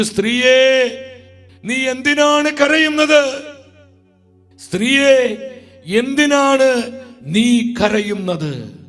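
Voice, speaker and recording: A man with a Malayali accent preaching a sermon, slow and drawn out, with emphatic repetitions. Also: high-pitched.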